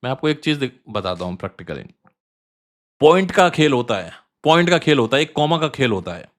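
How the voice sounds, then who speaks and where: A man hosting a crypto trading channel, talking casually through chart analysis, repeating phrases for emphasis and filling pauses with fillers. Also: medium pitch, very animated.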